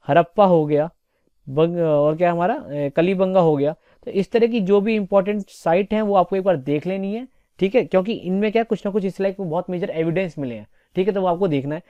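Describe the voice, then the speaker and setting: A man's voice: high voice, fairly quick, mellow, smooth, no room sound, highs cut off. A young man teaching exam preparation topics in a casual, chatty lecture style, often checking in with his students. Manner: chatty, repeats "theek hai" often.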